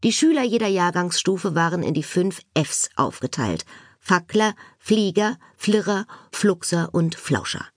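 A woman narrating a children's audiobook with expressive, playful storytelling. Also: lowish voice, unhurried, no room sound, clean studio sound.

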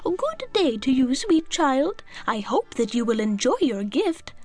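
Storybook fairy godmother, gentle and sweet, lifted high and slow as a woman reads her. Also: very animated, faint music behind, heavily acted. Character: kindly female fairy godmother, gentle and gracious.

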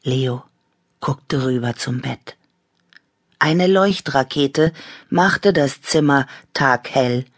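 A woman, the author, calmly and expressively narrating a children's audiobook. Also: a bass voice, extremely slow, no room sound, studio quality. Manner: calm, storytelling, expressive. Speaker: author reading her own book.

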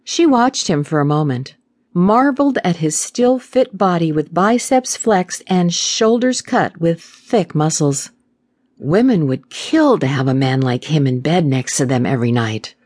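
A woman narrating a contemporary romance audiobook in a measured, expressive storytelling voice. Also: deep voice, no echo, clean studio sound.

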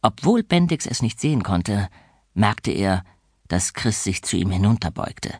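A male narrator reading a children's story aloud, his voice rising and falling with lively, animated pitch. The recording is dry and close, with no room sound. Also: a little slow, breathy edge, dry recording. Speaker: audiobook narrator.

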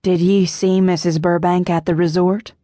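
A woman voicing a gentle, caring older mother who speaks in a soft, thin, slightly shaky way. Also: on the low side, flat delivery, normal speed, dry recording, clean studio sound, voice pushed down, natural voice. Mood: worried.

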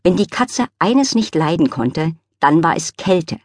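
A woman reading a children's audiobook aloud in an expressive, scripted narration. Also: on the low side, measured pace, dry recording, clean studio sound.

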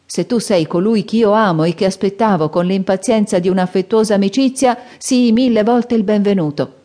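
A woman's voice: medium pitch, brisk, warm tone, pitched above the performer's own voice, lightly acted. A woman voicing a young male outlaw forester who speaks in an earnest, heartfelt way in an audiobook.

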